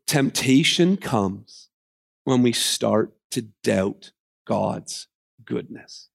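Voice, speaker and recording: A man preaching a sermon in a church, swinging between emphatic, raised lines and quiet, hushed ones. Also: mid-range voice, creaky. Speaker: pastor.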